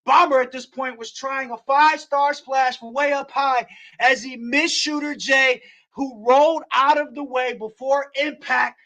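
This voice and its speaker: A man hosting a wrestling show, recapping a match play by play and building to shouts at the near-falls. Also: very high voice, fairly even intonation, unhurried.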